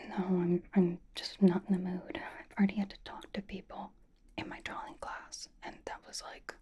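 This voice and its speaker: A woman speaks almost entirely in a hushed whisper, her tone dark and mellow. She talks straight to the listener, teasing and blunt, like a friend sitting across a library table. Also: fairly low pitch, little pitch movement, moderate pace. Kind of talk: whispered roleplay monologue to the listener.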